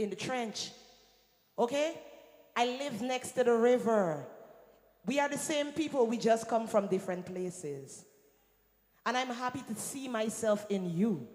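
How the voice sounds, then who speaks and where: A Guyanese woman speaks between songs, bantering with a big crowd and calling out to them. Her voice sits in the middle of the range. It rings through an echoey hall with a long reverb tail. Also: medium pitch. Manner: lively, calls out to the crowd. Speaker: singer performing on stage. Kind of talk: stage banter with a festival crowd. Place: large venue on stage.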